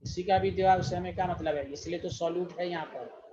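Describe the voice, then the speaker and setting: A man's voice: high-pitched, fairly even intonation, a little fast, mellow, lo-fi sound, a little hiss or hum. A man teaching chemistry in an online class, exasperated and quizzing his students again and again.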